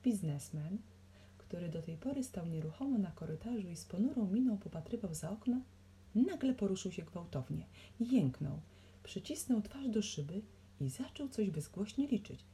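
Expressive woman reading a storybook. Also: mid-range voice, a little hiss or hum. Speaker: audiobook reader. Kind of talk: scripted storybook narration.

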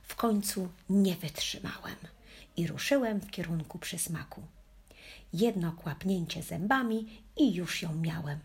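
A woman reads a children's story aloud, speaking in the first person as a cheeky puppy with a wry, playful manner. Her voice is low and very breathy, almost airy. She takes her time and reads at a slow, unhurried pace. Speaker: audiobook reader.

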